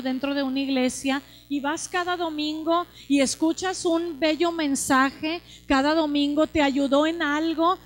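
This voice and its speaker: A woman's voice: sits high, a little hiss or hum. A woman preacher, delivering an urgent sermon full of repeated exhortations. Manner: urgent, repeats exhortations, acts out quoted voices.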